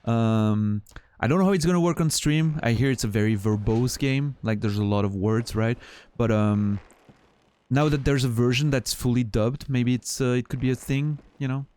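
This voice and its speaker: With a medium-pitched, slightly mellow voice and a moderate pace, this Swiss man rambles casually to his stream viewers, swearing and restarting often. He is a native French speaker with a Swiss French accent.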